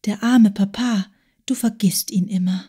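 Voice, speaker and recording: A fragile, clinging young woman in an audiobook, as a female narrator puts her on. She speaks in a soft, breathy half-whisper that drifts close to silence. The voice sits at an ordinary middle pitch for a woman. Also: moderate pace, lightly acted. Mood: pleading. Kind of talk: audiobook character voice.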